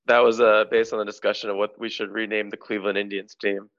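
Gravelly low-voiced podcast host. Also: male voice, flat delivery, quick pace, fairly bright tone. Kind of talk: casual sports chat. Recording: dull lo-fi sound.

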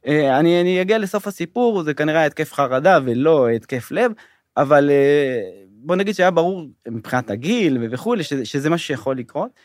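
Sex: man. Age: middle-aged. Role: interview guest. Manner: hesitant, frequent fillers. Pitch: a bit high. Sound: dry studio mic. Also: animated, no room sound. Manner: hesitant, many fillers and restarts. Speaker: guest, government finance official. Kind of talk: casual storytelling interview. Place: podcast studio.

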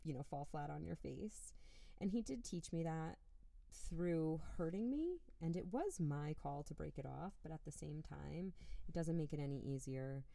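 A woman's voice: deep voice, expressive, moderate pace, gravelly, dark tone, dry recording. A young woman co-hosting a podcast, talking candidly and swearing freely while a bit tipsy from wine. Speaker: podcast co-host. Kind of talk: casual chat.

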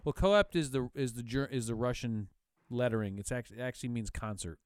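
A man's voice: medium pitch, brisk, smooth, no echo, clean studio sound. A man hosting a casual podcast chat from home, laid-back, swearing casually and laughing often. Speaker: podcast host and band member. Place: home, over a video call.

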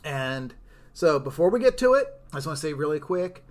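A man's voice: a little high, big pitch swings, brisk. A man co-hosting a casual podcast, rambling with lots of fillers and restarts. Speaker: podcast co-host. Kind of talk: casual chat.

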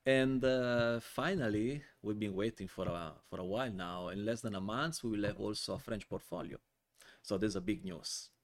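A man in his forties from Italy with an Italian accent, a guest telling animated, joking stories in a casual podcast interview. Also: fairly low pitch, moderate pace. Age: 40s. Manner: animated, joking storyteller in non-native English. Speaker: guest, wine importer.

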